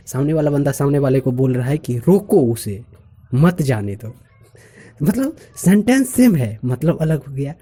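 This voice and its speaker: A man's voice: a little high, dark tone. A man talking casually to his viewers, explaining a point with spoken examples and laughing now and then. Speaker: vlogger.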